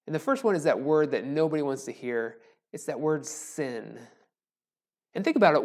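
Wearing a lapel mic and framed from the chest up, a pastor in his forties preaches in a small sanctuary, a wooden cross behind him. His fairly high, creaky voice has a darkish tone, and the recorded sermon is conversational and joking, with pauses and self-deprecating asides.

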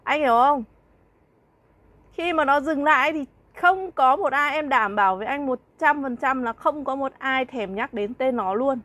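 High-voiced woman, mocking and scornful. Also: moderate pace, fairly bright tone, no echo. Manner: mocking, scornful, laughing between jabs, repeating rhetorical questions. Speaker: vlogger. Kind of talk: heated monologue addressing a rival.

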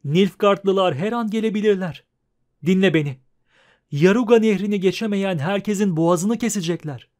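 A man voicing a panicky young male bard who talks fast and pleads shrilly in an audiobook. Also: high-pitched, darkish tone, pitched above the performer's own voice, close to an everyday voice. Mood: pleading.

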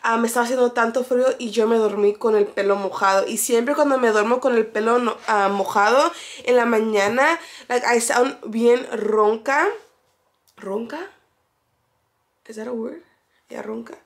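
Young woman chatting to her phone cam, upbeat, a bit high, flips spanish and english. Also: moderate pace. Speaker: vlogger. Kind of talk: casual vlog chat.

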